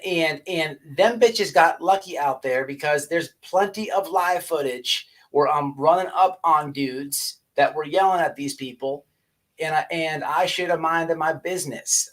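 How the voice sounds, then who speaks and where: Speaking at normal speed, a man with a bit bright, highish voice hosts a casual livestream. His talk to viewers mixes ranting with profane slang, marked by frequent stammering and repetition.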